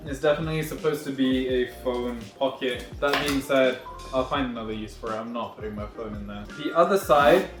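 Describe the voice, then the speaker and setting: A man filming a casual unboxing walkthrough on his phone, talking in a rambling, wry way and correcting himself as he goes. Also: mid-range voice. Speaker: vlogger unboxing a backpack. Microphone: phone recording himself. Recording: echoey room on a phone mic, faint music behind.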